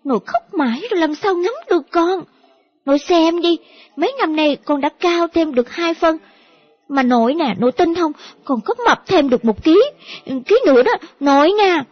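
A woman's voice: very high-pitched, lively intonation, moderate pace, no room sound. A woman voicing a pouty, wheedling young woman. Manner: coaxing, wheedling. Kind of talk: audiobook character voice. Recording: dull lo-fi audio with faint music.

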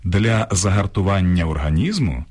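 A man presenting a radio language segment, reading a scripted piece in a measured, lightly ironic way. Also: low voice, expressive, a little mellow.

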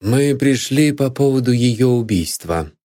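A man's voice: medium pitch, lively intonation, unhurried, mellow, dry recording, studio quality, natural voice. Man reading a blunt police detective. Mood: matter-of-fact.

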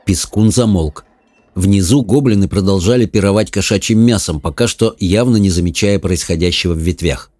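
Low mellow guy reading an audiobook, steady, dry close sound. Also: moderate pace, no echo. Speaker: narrator. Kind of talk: audiobook narration.

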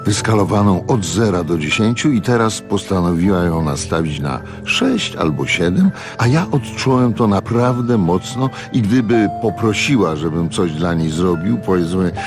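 A man narrating a radio audiobook in a measured, expressive storytelling manner. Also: lowish voice.

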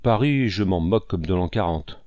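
A man's voice: sits low, animated, moderate pace, warm tone, no room sound, lo-fi sound. A man reading an audiobook and voicing an impulsive, effusive old colonel with emphatic exclamations.

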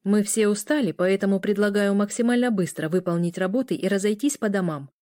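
A worn-out middle-aged lecturer who wants everyone finished and gone, as a woman reads him. The voice is mellow and dry. He sounds brisk and tactless. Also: mid-range voice, no echo, close to an everyday voice. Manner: brisk, blunt.

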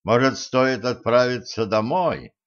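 A man's voice: mid-range voice, unhurried, muffled recording, natural voice. A man voicing a polite, formal male servant who is a shape-shifting bat. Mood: courteous. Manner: courteous, formal.

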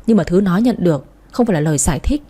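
A woman's voice: lowish voice, animated, racing, dark tone, slightly rough. A young woman narrating a first-person story in a wry, matter-of-fact way.

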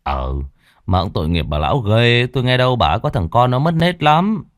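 A man's voice: mid-range voice, very animated, moderate pace, no echo, clean studio sound, lightly acted. A man voicing a chatty male customer gossiping at a tea stall in a story. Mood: gossipy.

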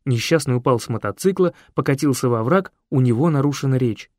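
A man narrating a humorous first-person story in a lively storytelling way. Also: medium pitch, fairly quick, no room sound, studio quality.

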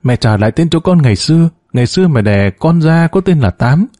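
A man's voice: fairly high pitch, lively intonation, brisk, warm tone, no room sound, clean studio sound, voice pushed up. A man reading a story, voicing a distraught, grieving woman with a pleading, sobbing manner. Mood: anguished. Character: distraught grieving middle-aged woman, desperate mother.

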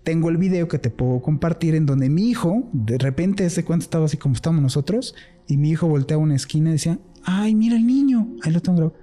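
A man with a Mexican accent telling a personal paranormal story as a guest, earnest and animated. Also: a little high, quick pace. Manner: earnest, animated storytelling, switches into quoted voices.

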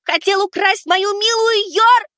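A male narrator voicing a young man, a summoner who taunts his enemies in a high, mocking tone. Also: measured pace, pushed and bright, no echo, clean studio sound, full character voice. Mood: maniacal taunting. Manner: shrill, mocking, taunting cackle. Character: young male summoner turned gleeful, menacing avenger. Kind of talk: audiobook character voice.

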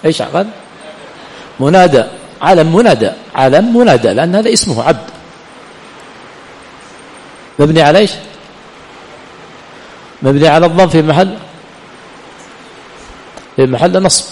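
A man's voice: a little high, animated, moderate pace, pauses often, darkish tone. A man teaching a classroom lesson, quizzing his students and then answering his own questions. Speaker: teacher of hadith and grammar. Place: lecture hall of an Islamic study center. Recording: long hall reverb, faint room ambience.

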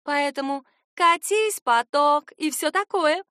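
A woman's voice: high-pitched, animated, moderate pace, a bit bright, no echo, clean studio sound, pitched above the performer's own voice. A woman reading the lines of a chatty, probing Southern woman in an audiobook, with a lightly raised, questioning tone. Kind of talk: audiobook character voice.

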